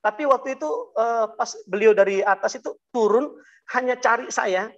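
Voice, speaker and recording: Man giving a halting personal testimony. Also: very high-pitched, dull audio. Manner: halting, many fillers and restarts, addresses audience as Bapak Ibu. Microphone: video call.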